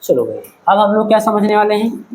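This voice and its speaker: A man's voice: sits high, big pitch swings, brisk, darkish tone, a little hiss or hum, low-quality recording. A man teaching a physics class in a classroom-lecture style, asking questions and checking that the students follow. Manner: questioning, checks understanding, calls students "beta".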